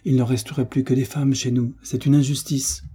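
A man's voice: mid-range voice, flat delivery, brisk, warm tone, breathy edge, pitched above the performer's own voice. A man reading aloud, voicing a proud young peasant who answers in a curt, defiant way.

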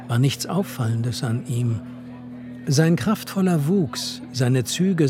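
A man giving a measured, expressive literary reading on radio, with music underneath. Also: mid-range voice. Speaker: reader.

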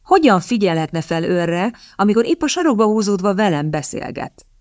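Woman voicing a sharp young lady, cutting, impatient, dry close sound. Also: mid-range voice, big pitch swings, no room sound, lightly acted. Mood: tart. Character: sharp-tongued, quick-witted young woman.

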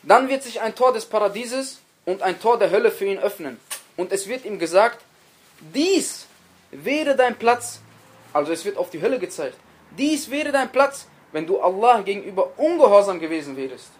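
Male lecturer, high voice, earnest sermon delivery, repeats lines for emphasis, speaks straight to the audience. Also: lively intonation, fast talker, breathy edge. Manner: earnest preaching with dramatic emphasis on quoted speech; repeats key phrases and addresses listeners directly. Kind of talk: religious lecture.

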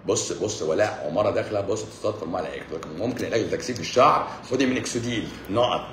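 Hosting a live stream, a fast-talking Egyptian doctor in his forties mocks viewers' comments sarcastically in Egyptian Arabic. He lurches between loud, fed-up outbursts and quiet mumbling, his voice ringing in an echoey room over slight background noise.

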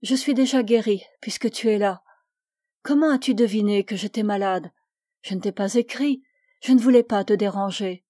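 Woman voicing a tender, ailing young heroine for an audiobook, warm dry tone. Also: medium pitch, normal speed, no room sound, close to an everyday voice. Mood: wistful. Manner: soft, wistful.

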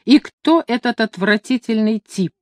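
A woman reading an audiobook, voicing a pompous, hot-tempered young nobleman with shrill, indignant outbursts. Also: a little slow, dry recording, lightly acted.

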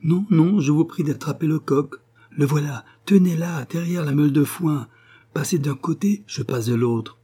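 A man doing a lively excited young woman. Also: moderate pace, husky. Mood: excited shouting. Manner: high-pitched and breathless.

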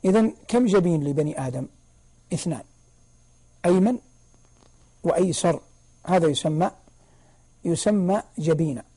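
Man preaching a religious lesson, husky, mellow tone, repeats phrases for emphasis. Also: a little high, lively intonation, poor audio. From Saudi Arabia. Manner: explains slowly and repeats key phrases for emphasis. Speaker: sheikh giving an Islamic lesson.

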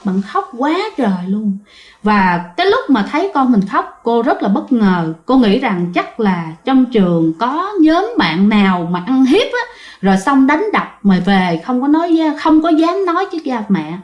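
Brief: woman, fairly high voice, chatty storyteller talking to listeners, roomy echo. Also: sing-song, normal speed, highs cut off. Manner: chatty, addresses listeners directly, many fillers. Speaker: ghost story teller. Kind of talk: conversational storytelling.

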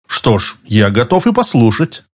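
A man reading an audiobook, voicing a calm, persistent lawyer who speaks evenly and deliberately. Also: mid-range voice. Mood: calm, insistent. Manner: even, deliberate and insistent.

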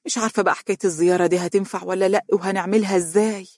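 A woman's voice: medium pitch, fairly even intonation, very fast, darkish tone, no echo, studio quality, pitched above the performer's own voice, natural voice. A narrator voicing an anxious middle-aged mother who speaks with an Egyptian accent. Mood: worried.

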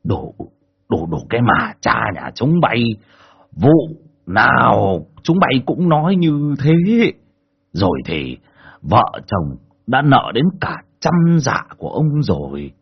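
A cruel village landlord, played by a man, barking abuse and orders in a husky voice that swings wildly up and down. His tone is harsh and domineering, as in a spoken storybook. The recording is dull and lo-fi. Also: low-pitched, sing-song, moderate pace, long pauses, exaggerated voice. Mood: bullying rage. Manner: barking, abusive, shouting orders. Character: cruel bullying male village landlord, middle-aged.

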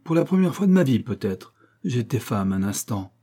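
A man reading an audiobook, voicing a proud noblewoman with haughty, sharp irony. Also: medium pitch, sing-song, normal speed, breathy edge. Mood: mocking. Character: proud cutting noblewoman, marquise, mocking.

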